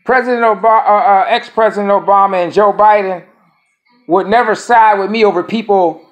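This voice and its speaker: A man's voice: high-pitched, fairly even intonation, fairly quick. A man in his thirties speaking a casual monologue to camera, rambling and profane, often repeating his phrases. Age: 30s. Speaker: vlogger.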